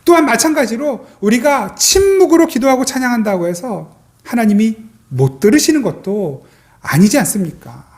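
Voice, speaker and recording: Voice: mid-range voice, big pitch swings, moderate pace, a little mellow. A pastor delivering a Sunday sermon, stressing points with repeated parallel phrases and rhetorical questions to the congregation.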